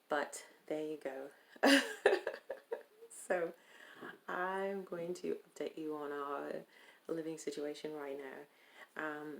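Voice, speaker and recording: Sitting low with plenty of vocal fry, a woman from Stockton, California, vlogs in a casual video chat. She uses an intentionally fake accent and wanders hesitantly through her thoughts, with frequent pauses.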